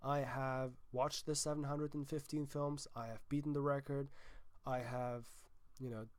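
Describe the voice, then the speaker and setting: A young German-accented man, sick, hosts his own film vlog and chats casually, emphatic and prone to restarting sentences. His mid-range voice has a flat delivery at a moderate pace, and the recording is dry.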